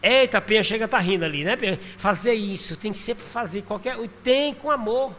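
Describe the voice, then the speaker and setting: A man preaching a lively sermon as pastor, with sudden loud bursts. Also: high voice, moderate pace. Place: church hall. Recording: reverberant church hall with faint background noise.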